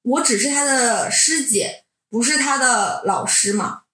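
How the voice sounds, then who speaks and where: A woman in her twenties, a doctoral student, telling a candid personal story in an animated, sometimes heated way. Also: on the high side, unhurried. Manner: animated, heated, then reflective. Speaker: doctoral student recounting mentoring. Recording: roomy echo.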